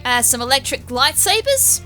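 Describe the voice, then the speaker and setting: Australian woman, let's play commentary, chatty and excitable, bright tone, faint game music behind. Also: sits high, moderate pace. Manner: excitable, chatty, self-mocking. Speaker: gamer.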